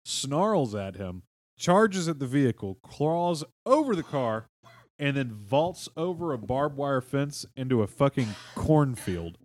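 A man's voice: mid-range voice, measured pace, no room sound. A man hosting a comedy podcast, telling folklore stories with lots of swearing and laughter. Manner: swearing, laughing, animated storyteller. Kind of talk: casual comedic storytelling.

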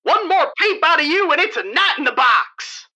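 A woman voicing a blustering, tough prison guard who barks threats loudly and quickly. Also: high voice, sing-song, pitched above the performer's own voice, full character voice. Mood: gruff barking. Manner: barking threats, loud and fast.

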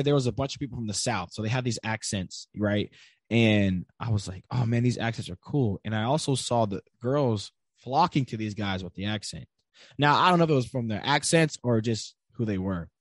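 A young man speaks as a podcast guest, earnest and relaxed, telling stories and leaning on filler words. His voice sits in a middle register. The recording is dry and close, with no room in it. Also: mid-range voice, dry recording. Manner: earnest, storytelling with lots of "like" fillers. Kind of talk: casual conversational interview.

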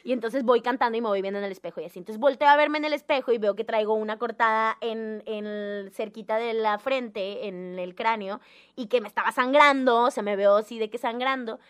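High-voiced woman telling a story. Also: fairly quick, smooth. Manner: animated, dramatic, acts out the voices in her story. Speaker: guest telling a personal story. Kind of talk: casual storytelling chat.

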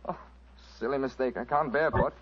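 An actor playing a genial, blasé English aristocrat in exile with an English accent and suave, chatty delivery in an old radio drama. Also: male voice, mid-range voice, fairly quick, husky, close to an everyday voice. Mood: casual, musing. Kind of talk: 1940s radio drama acting. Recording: dull old radio recording.

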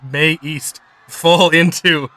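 A man acting as game master, improvising horror game narration in a halting way, often repeating words. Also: fairly high pitch, fairly even intonation, sharp tone.

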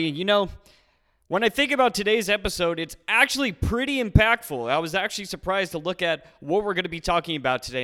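A man's voice: high voice, fairly bright tone, clean tone. A man hosting a solo sports podcast from a garage, speaking to listeners in an upbeat, announcer-like way through scripted commentary. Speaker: podcast host. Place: recorded in a garage.

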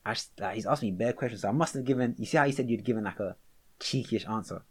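A young man with a London accent talks casually in a fairly low-pitched voice. His storytelling is animated and packed with slang, as in a relaxed chat between friends. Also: fast talker, breathy edge. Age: young adult.

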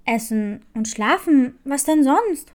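Woman doing a little leopard girl, high voice, tired, plaintive, storybook. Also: animated, slow pace. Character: young girl leopard cub, sleepy and upset.

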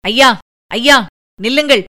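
A woman's voice: on the high side, steady tone, a bit bright, clean tone, natural voice. A woman reading aloud voices a fearful young nobleman who hurries through anxious, pleading warnings. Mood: alarmed. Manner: urgent, rapid warnings.

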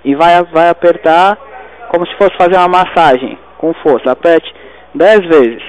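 A man works an emergency phone line as a doctor. His voice sits fairly high, and he speaks steadily, giving directive step-by-step instructions and repeating them slowly.

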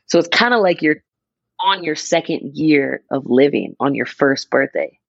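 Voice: mid-range voice, expressive, normal speed, creaky, no echo, dull audio. A person in their mid-twenties chatting casually on a podcast, rambling and restarting as they explain an idea. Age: 20s. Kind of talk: casual chat.

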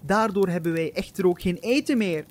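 A man's voice: sits high, fairly quick, pitched above the performer's own voice, natural voice. A man voicing a poor, desperate woodcutter father in a fairy tale. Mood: despairing. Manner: pleading, then loud and outraged.

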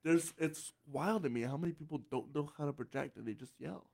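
A man's voice: on the high side, a little fast, creaky, husky. A young man hosting a podcast in a casual chat, laughing often and tripping over repeated words. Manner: chatty, laughing, repeats words when excited. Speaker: podcast host.

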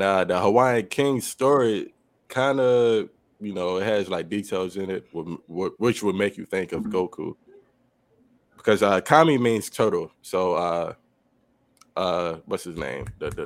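A man co-hosting a podcast, telling a story in a relaxed, rambling way with lots of filler words. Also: deep voice, gravelly. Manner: laid-back storyteller with frequent filler words. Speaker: podcast co-host. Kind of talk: casual chat.

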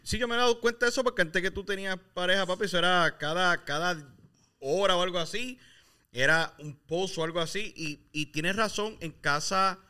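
A man's voice: high voice, brisk, pushed and bright, clear, resonant tone. A man co-hosting a podcast, agreeing and backing up the others. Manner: agreeable, backs others with short replies. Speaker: podcast co-host. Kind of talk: casual podcast chat.

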